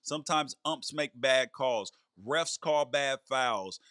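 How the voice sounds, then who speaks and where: A man's voice: mid-range voice, slow pace, a bit bright, no echo, studio quality. A man co-hosting a college football podcast, casually dismissive and repeating himself as he argues. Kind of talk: casual sports debate.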